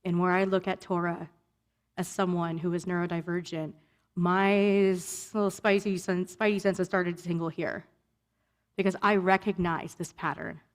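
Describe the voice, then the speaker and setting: Woman cantor giving a heartfelt sermon, stops and restarts a lot, goes way up in pitch when quoting. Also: level tone, normal speed. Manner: earnest, personal, with frequent restarts and rising quoted voices.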